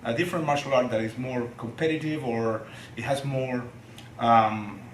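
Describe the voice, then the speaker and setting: Man, Chilean Spanish accent, middle-aged, halting speech, roomy echo, faint background noise. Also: medium pitch. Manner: halting, many restarts and fillers. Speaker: guest, martial artist. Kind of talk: casual interview.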